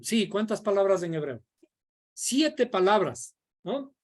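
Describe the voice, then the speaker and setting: A woman with a mid-range voice and big swings in pitch leads a Bible study lesson in an indoor classroom. She lectures slowly and deliberately, walking the class through each step and quizzing them along the way.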